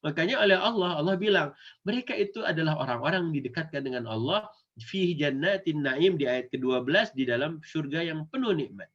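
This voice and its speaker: A male Islamic teacher with an Indonesian accent giving an animated Quran lesson to children, often acting out the kids' voices. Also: fairly high pitch, quick pace. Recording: dull lo-fi recording.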